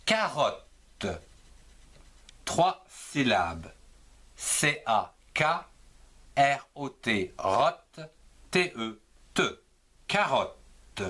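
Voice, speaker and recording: A man gives a children's lesson on syllables, spelling each word out letter by letter at a very slow pace. His pitch rises and falls in a lively way, and his tone is bright with a breathy edge.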